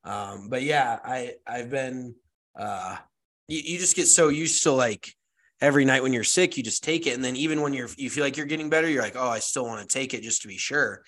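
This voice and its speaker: A man's voice: medium pitch, fairly quick, a bit bright. American guy w a stuffed up nose, casual podcast banter, slangy and sweary. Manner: profane, slangy. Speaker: podcast co-host. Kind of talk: casual chat.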